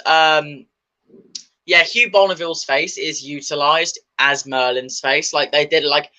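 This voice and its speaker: A man's voice: a little high, bright, forceful tone, low-quality recording. A man chatting casually about his opinions, rambling and enthusiastic, with many fillers and restarts. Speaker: video host.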